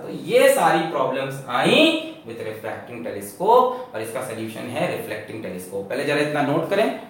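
A man teaching a physics lecture, lively and full of rhetorical questions, mixing English terms into his explanation. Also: fairly high pitch. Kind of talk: classroom lecture. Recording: echoey classroom from far off.

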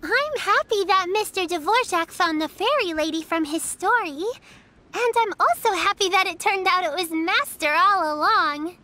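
An actress voices a cheerful, eager little girl chattering earnestly in video game dialogue. Her voice is extremely high-pitched at a moderate pace, and the game audio carries soft music behind her.

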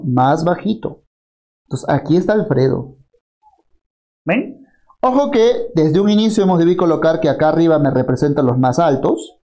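Lively man teaching a math lesson. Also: on the high side. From Peru. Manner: lively, rhetorical tag questions, walks through each step aloud. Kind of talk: online class lecture.

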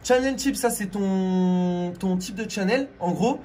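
A man's voice: sits high, unhurried, mellow, a little hiss or hum. A man from France, a YouTuber co-host, casually explaining things to his viewers with many restarts and fillers.

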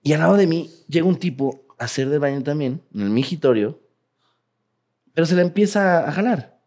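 A man with a Mexican accent, telling profane, animated stories as a guest in a casual interview. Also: on the high side, a little fast. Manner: profane, animated, laughing while telling anecdotes.

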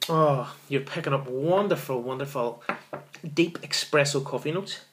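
In a small room, a man in his thirties hosts a casual beer review vlog, speaking to a camera in front of him. His voice is mid-range at a normal speed against a noisy background. He's enthusiastic, repeats words, and keeps calling his viewers folks.

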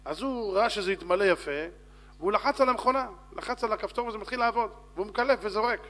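A man, a rabbi, telling a story in a sermon and acting out shouts and dialogue. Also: sits high. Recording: long hall reverb.

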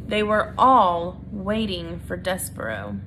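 A woman reads a children's chapter book aloud at an unhurried pace. Her voice is bright and clear, with friendly asides between passages. A faint background noise sits under the recording. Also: fairly low pitch, very animated, low-quality recording. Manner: casual, friendly asides to listeners. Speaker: reader.

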